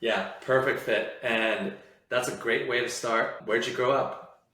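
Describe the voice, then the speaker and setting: A man hosting a podcast, reading a scripted introduction and asking relaxed follow-up questions. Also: medium pitch, measured pace, low-quality recording. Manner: scripted intro, then easy conversational questions. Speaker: podcast host.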